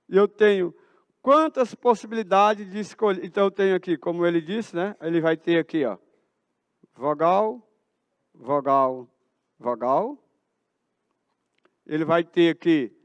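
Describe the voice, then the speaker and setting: High-voiced Brazilian math teacher quizzing class. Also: male voice, clear, resonant tone, no echo. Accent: Brazilian Portuguese. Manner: asks the class questions and answers them himself. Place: school auditorium.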